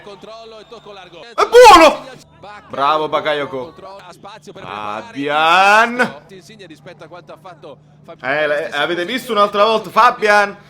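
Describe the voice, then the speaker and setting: High-pitched, sharp, excitable man. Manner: emotional, exclamatory, shouts in bursts, sweary. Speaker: football fan reacting to a match. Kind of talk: excited live match reaction commentary.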